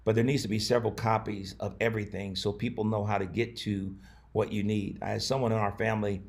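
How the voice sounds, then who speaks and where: A man with a somewhat low voice gives a live-streamed talk, as a pastor offering practical advice. He speaks in an earnest, conversational way, often pausing on fillers and restarting his sentences. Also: little pitch movement, vocal fry. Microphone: camera, not the usual setup.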